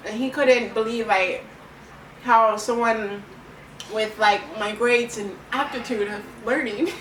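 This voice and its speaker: A woman's voice: fairly high pitch, fairly even intonation, slow pace. A young woman chatting casually and telling stories in a giggly, chatty way as co-host of a couple's video. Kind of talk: casual chat. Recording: echoey room, distant mic, faint noise.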